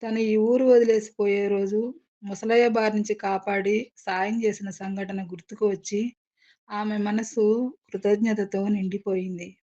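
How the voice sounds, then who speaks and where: A woman narrating a novel as an audiobook in a dramatic, measured storytelling manner. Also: medium pitch, flat delivery, mellow. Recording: dull lo-fi recording.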